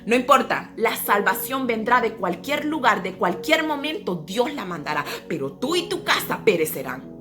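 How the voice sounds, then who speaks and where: A woman voicing a stern older uncle solemnly warning his niece, dropping into a lower voice. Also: big pitch swings, normal speed, music in the background.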